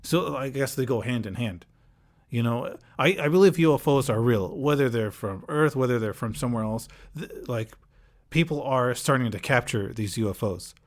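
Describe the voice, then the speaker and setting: A man's voice: mid-range voice, normal speed. A man with a slight foreign accent hosting a casual podcast chat, rambling and restarting his sentences. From United States. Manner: rambling, restarts often, animated retelling. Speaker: podcast host.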